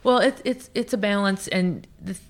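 A woman's voice: mid-range voice, normal speed. A woman in her late fifties from Iowa, a senior military officer telling candid stories in an interview, often restarting her sentences. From Iowa, United States. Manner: candid, anecdotal, speaks in restarting bursts. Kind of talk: conversational interview.

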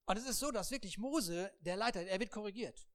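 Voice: medium pitch, brisk. A preacher giving a humorous sermon, acting out the people in the Bible story and laughing often. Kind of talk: sermon with acted-out Bible scenes.

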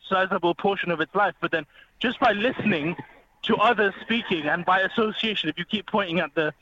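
Calling in as a guest on a radio show, a man explains things at length, earnest and fluent. His voice is high-pitched and fairly quick. The phone line sounds dull, with a faint hiss.

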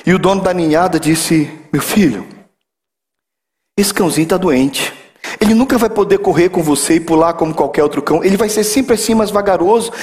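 A man preaching with a high-pitched voice. He swings from soaring, loud exclamations down to quiet, close asides, in a lively sermon style. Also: a little fast. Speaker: pastor.

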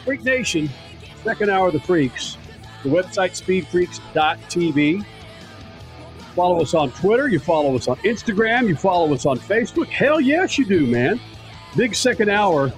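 Brash animated radio host. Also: male voice, high voice, moderate pace, soft background music. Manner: brash, animated, swearing casually. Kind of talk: motorsports radio talk.

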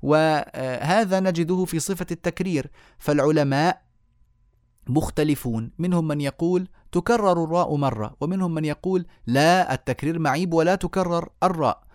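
A man's voice: a little high, normal speed, a little mellow, no echo, studio quality. A man teaching a tajweed lecture online, explaining the rules of pronunciation step by step and sounding out the letters as he goes. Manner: explanatory, repeats key words, demonstrates sounds aloud. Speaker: Quran recitation teacher.

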